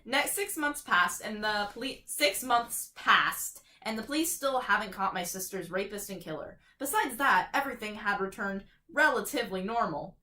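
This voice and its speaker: Female amateur horror-story reader, mid-pitched, casual, echoey room. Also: lively intonation, moderate pace, hardly any pauses, bright, forceful tone. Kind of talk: amateur story read-aloud with casual asides.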